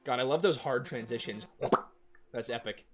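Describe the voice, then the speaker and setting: A man's voice: medium pitch, moderate pace, soft background music. A man hosting a live stream, commentating on a game in a playful, joking manner. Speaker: streamer host.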